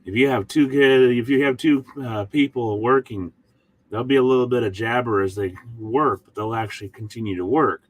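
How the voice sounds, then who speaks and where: A man teaching the Bible in a short devotional, speaking in a folksy, emphatic manner with pauses between short phrases. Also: mid-range voice.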